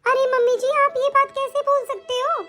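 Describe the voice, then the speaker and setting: A worried young bride from a cartoon story, pleading and close to tears, as a woman plays her. The voice is squeaky and very high. Faint music sits behind her. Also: flat delivery, moderate pace, sharp tone. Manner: pleading, emotional, tearful at times. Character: anxious young newlywed bride.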